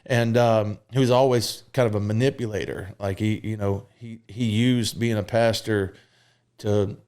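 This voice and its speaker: Frank man in his thirties, lower-pitched. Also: fairly even intonation, moderate pace, darkish tone, clear, resonant tone. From Mississippi. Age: 30s. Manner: frank and open, peppered with fillers and profanity. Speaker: podcast guest. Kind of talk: candid conversational storytelling.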